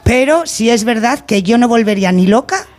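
Lady teacher, warm and emphatic about her tiny school. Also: fairly high pitch, lively intonation, moderate pace. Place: small rural school.

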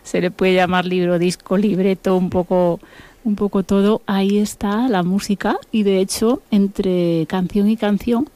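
A musician and author from Buenos Aires, Argentina, speaks in a mid-range voice during a relaxed interview. As she thinks, she circles back and repeats words.

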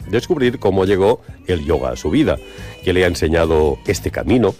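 A man's voice: sits low, a little mellow. A man hosting a radio interview, reading a scripted introduction and then chatting with filler words. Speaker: radio host.

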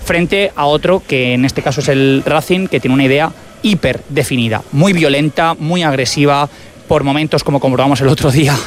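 A man's voice: medium pitch, slight background noise. A man with a Spain accent giving articulate, wordy football analysis on sports radio.

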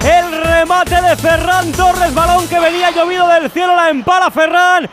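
A man's voice: very high voice, level tone, normal speed, fairly bright tone, soft background music. A man giving impassioned live football goal commentary in a stretched, declamatory delivery.

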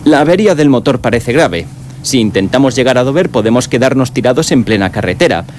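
An actor playing a polite, unflappable and pedantic chauffeur in an audio drama, speaking formally and deliberately. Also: male voice, mid-range voice, animated, a little mellow, slight background noise, close to an everyday voice. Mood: calmly reassuring.

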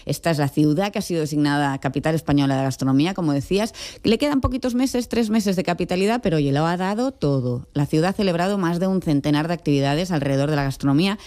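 A woman's voice: deep voice, fast. A woman reporting survey results on a radio show, reading them out eagerly. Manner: lively, reads out results eagerly.

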